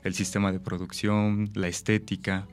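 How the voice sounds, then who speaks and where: Man, low voice, reflective interview talk, faint music behind. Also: little pitch movement, moderate pace. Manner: thoughtful, explains with examples and rhetorical questions. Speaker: actor and director, interview guest.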